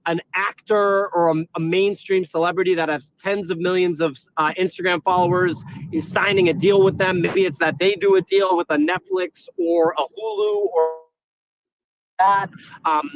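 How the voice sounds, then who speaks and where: A man with a slightly high voice rattles off bold predictions in brash, numbered order. His sound comes over a remote call with faint noise behind it, and it keeps dropping out in patches. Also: poor audio. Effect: audio keeps cutting out. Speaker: co-host making predictions. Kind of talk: casual live-stream panel talk.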